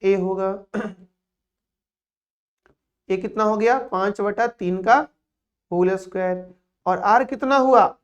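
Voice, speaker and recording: A man's voice: sits high, slow pace, long pauses, highs cut off. A man teaching math in a lecture, joking with his students between steps of working. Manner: playful, teasing asides between calculations. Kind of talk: classroom lecture.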